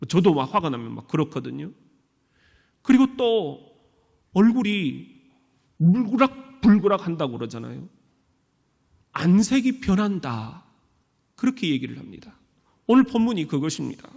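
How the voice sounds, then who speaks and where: A man preaching a sermon as pastor, emphatic, with sudden high bursts on key words. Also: big pitch swings, moderate pace, creaky, long pauses, a little mellow. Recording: long hall reverb.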